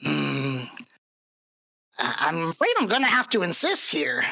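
A woman voicing a cocky male goblin bandit who rides a wolf, speaking in a slow, taunting drawl. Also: low voice, big pitch swings, gravelly, sharp tone, no echo, exaggerated voice, low-quality recording.

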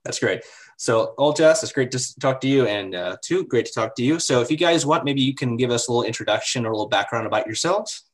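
A man's voice: mid-range voice, animated, quick pace. A man hosting a podcast interview, upbeat and chatty with lots of "you know"s. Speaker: podcast host.

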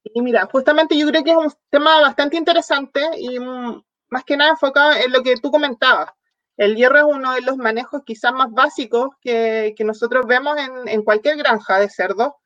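A woman's voice: high-pitched, moderate pace, a bit bright, no echo, highs cut off. A woman from southern Chile with a Chilean accent, a veterinarian guest answering interview questions in a friendly, explanatory way with frequent fillers. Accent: Chilean Spanish. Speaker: veterinarian product manager guest. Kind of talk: online interview.

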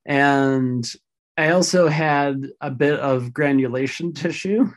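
Woman, interview guest, slightly rough voice, slow unhurried delivery, thoughtful explaining. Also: very deep voice. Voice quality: slightly rough voice after vocal surgery. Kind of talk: casual conversational interview.

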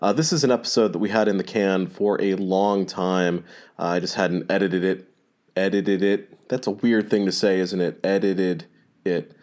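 A man hosting a podcast, speaking hesitantly with many filler pauses over a low-quality recording while recovering from illness. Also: fairly even intonation, a little mellow. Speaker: podcast host. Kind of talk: casual spoken announcement.

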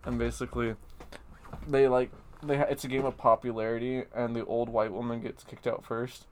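A man's voice: medium pitch, level tone, moderate pace, a little mellow, slight background noise. A young man chatting casually with a friend, giggling and rambling with lots of filler words.

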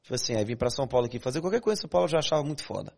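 A man's voice: medium pitch, big pitch swings, racing, gravelly, darkish tone. A young man from the Brazilian interior talks with a Goiás accent, full of slang. He tells stories in a casual chat with a lot of animation. His voice sits in the middle of the range. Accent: Goiás Brazilian Portuguese. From Goiânia, Brazil.

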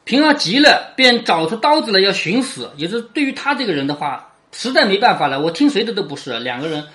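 A teacher explaining a chapter of a classic novel in a conversational way, often asking the listener "right?" and dropping to a quiet tag at the ends of sentences. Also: mid-range voice, big pitch swings, fast.

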